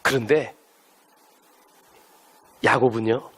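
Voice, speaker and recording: A man's voice: mid-range voice, steady tone, slow pace, a bit bright, husky. A male pastor preaching a sermon with emphatic delivery, having the congregation repeat lines to their neighbors. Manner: has listeners turn and repeat lines to neighbors.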